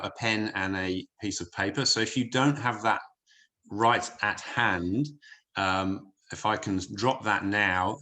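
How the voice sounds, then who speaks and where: A lowish-voiced man from the UK, whose English accent carries a slight New Zealand tinge from years there, gives a wellness talk during an online corporate presentation. He's chatty and hesitant over the video call, full of fillers and restarts.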